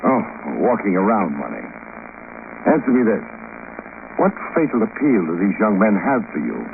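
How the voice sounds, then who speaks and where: This low, gravelly male voice belongs to a dry, wisecracking hardboiled private investigator who serves as both detective lead and narrator in a 1950s radio show. He talks at a normal speed with a sardonic, deadpan, probing manner. The old radio recording sounds tinny and noisy.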